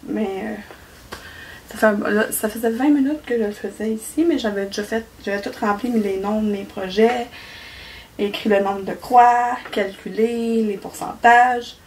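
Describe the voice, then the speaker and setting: A woman's voice: a little high, fairly even intonation, unhurried, darkish tone. A woman from Quebec with a Québécois accent, chatting casually as a cross-stitch vlogger, rambling and laughing often. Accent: Québécois French. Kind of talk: casual chat. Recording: voice a bit far from mic, faint noise.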